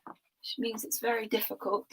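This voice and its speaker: A woman's voice: a little high, level tone, moderate pace, slight background noise. A young woman, giving a casual recorded history lesson in a chatty, informal way, full of asides and filler words. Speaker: history teacher.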